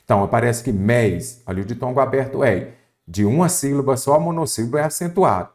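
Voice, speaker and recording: A man teaches a grammar lesson to exam candidates in a brisk, medium-pitched voice with a darkish tone. He takes a didactic approach, addressing the student directly with rhetorical questions and listing example words one by one.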